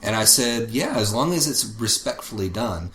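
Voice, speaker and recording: A man's voice: medium pitch, animated, moderate pace, fairly bright tone. A man co-hosting a podcast in casual chat, thinking aloud and correcting himself as he goes. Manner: thoughtful, rambling and self-correcting. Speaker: podcast co-host. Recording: roomy with faint background noise.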